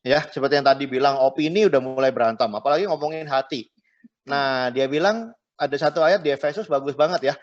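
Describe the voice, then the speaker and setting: Here the pastor speaks in a mid-range voice at a brisk clip. Middle-aged and chatty, he teaches a marriage class with tagged phrases and bits of English, and the lo-fi recording sounds dull.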